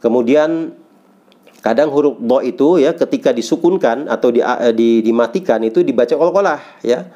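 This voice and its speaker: Mellow-voiced Indonesian man teaching pronunciation. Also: medium pitch, muffled recording. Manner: patient, repeats syllables slowly for learners. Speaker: Quran recitation teacher. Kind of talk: relaxed teaching of Arabic letter sounds.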